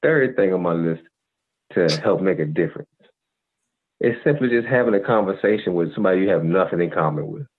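A very deep-voiced man holds forth on a podcast in a preachy, laid-back way. He leans on "you feel me" constantly. His voice comes through a thin, phone-like band. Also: a little fast, husky. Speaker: podcast co-host. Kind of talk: casual advice monologue. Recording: tinny phone-like audio.

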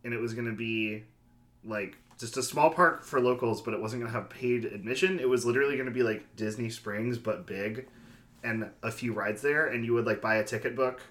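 A man chatting casually as a podcast co-host, rambling through his points with lots of fillers and the odd joke. His voice sits at an ordinary middle pitch. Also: brisk, a bit bright. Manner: rambling, filler-heavy, joking. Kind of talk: casual chat.

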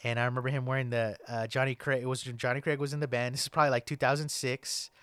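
A young man hosts a podcast, chatting casually and rambling with lots of "like" and "man." His voice is medium-pitched and fairly bright, smooth and flat in delivery, and he talks fast. The recording is dry.

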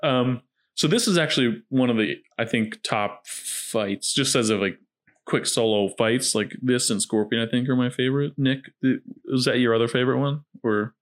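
A man's voice: medium pitch, moderate pace. Male movie-podcast host, mid-range voice, conversational and jokey. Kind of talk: casual film commentary.

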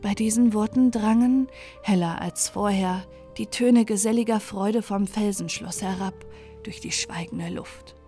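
A woman storyteller calmly narrating a bedtime fairy tale in a soothing way. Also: medium pitch, a little slow, soft background music. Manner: calm, soothing.

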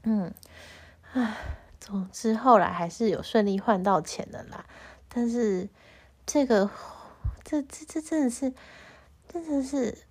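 A young woman with a Taiwanese Mandarin accent tells a personal story to camera in a casual vlog, stammering and restarting as she grows animated and aggrieved. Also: fairly high pitch, measured pace, pauses often. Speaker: vlogger.

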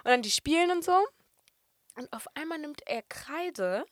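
A young woman telling a story in casual podcast chat, lively and animated, acting out what people said and dropping in English and French phrases. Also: high-pitched, a little slow, dry recording, studio quality.

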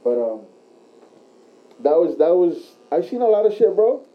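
A man with a high, sing-song voice and a slightly slow pace chats casually like a frat bro, a tattoo artist telling anecdotes in crude slang and punctuating them with "bro." He's in a tattoo shop, and the lo-fi recording sounds dull.

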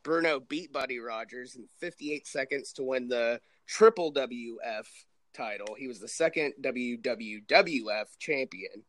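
A man's voice: medium pitch, a little slow, few pauses, a bit bright, dry recording, rough recording. A man co-hosting a casual sports chat, emphatic and a little salty, his voice affected by illness or allergies. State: under the weather with illness or allergies. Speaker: podcast co-host.

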